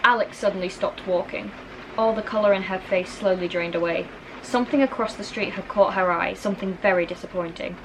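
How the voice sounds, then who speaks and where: Here a woman of medium pitch reads a children's novel aloud a little quickly, taking the part of a storybook narrator. Background rain makes the recording noisy.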